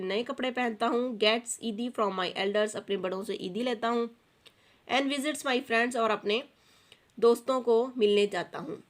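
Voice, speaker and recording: A Pakistani-accented woman teaching a children's English lesson at a slow, deliberate pace. Her voice sits a little high, and she reads each English line carefully before translating it into Urdu. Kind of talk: textbook lesson explained to children.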